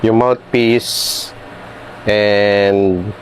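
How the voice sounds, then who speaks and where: The audio is poor, with a little hiss or hum, as a Filipino-accented man talks viewers through installing a product in an informal demo vlog. His voice is fairly low and fairly even, and he speaks extremely slowly, addressing the audience directly.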